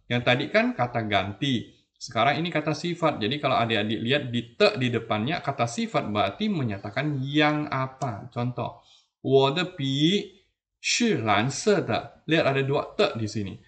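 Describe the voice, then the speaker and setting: A man teaching beginners Mandarin, drawing out each model word slowly and checking in with "ya" and "nah". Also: medium pitch, fairly bright tone. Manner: slow, drawn-out model pronunciation with frequent "ya" and "nah". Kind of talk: beginner language lesson.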